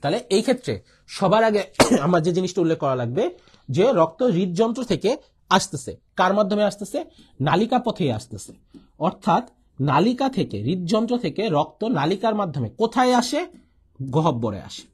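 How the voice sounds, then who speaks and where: A man's voice: high-pitched, very animated, moderate pace, slightly rough. A young man with a Bangladeshi accent giving an exam-prep biology lesson, asking questions and answering them himself, repeating key points and coughing often. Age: young adult. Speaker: biology tutor. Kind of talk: online exam-prep lecture.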